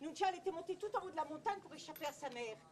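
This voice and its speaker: A woman storyteller telling a folk tale live at a festival night, lively, with playful asides to listeners. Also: high voice, rapid-fire. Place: festival night of tales outdoors.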